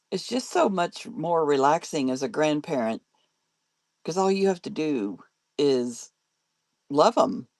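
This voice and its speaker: Chatty older grandma with a creaky voice. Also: female voice, low voice, no room sound. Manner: chatty, laughs often, reads viewer comments aloud. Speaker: live-selling host. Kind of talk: casual live-stream chat.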